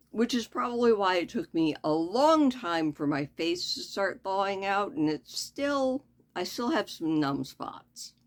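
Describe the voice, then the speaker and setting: A woman chatting casually in a vlog, with a slight lisp and careful, halting speech as she talks around newly fitted false teeth. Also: lowish voice. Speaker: vlogger giving a personal update.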